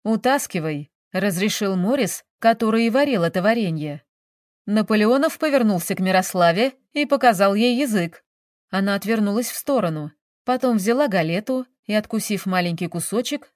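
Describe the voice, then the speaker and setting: A woman's voice: medium pitch, lively intonation, normal speed, no echo, clean studio sound. Woman reading a novel aloud. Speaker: audiobook narrator. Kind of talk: scripted narration.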